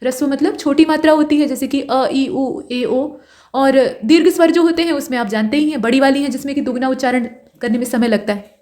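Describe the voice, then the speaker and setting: A woman teaching an online exam-prep grammar class, patiently explaining and slowly sounding out vowels and letters as examples. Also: high-pitched, dark tone. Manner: explains patiently, checks understanding with "ठीक है".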